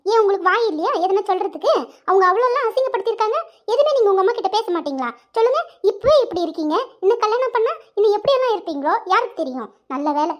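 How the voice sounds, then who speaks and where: A woman's voice: extremely high pitch, fast, highs cut off. A woman voicing a stubborn, wounded young woman who argues with her lover in a cartoon. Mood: indignant. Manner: firm, indignant, reproachful.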